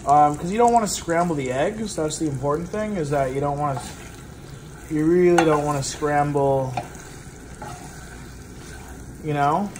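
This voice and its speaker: A young adult amateur cook who sounds drunk chats loosely and profanely while cooking in his home kitchen. His voice is a little high with a darkish tone, at normal speed. Recorded on a handheld phone, the audio is noisy with pans and cutlery clattering.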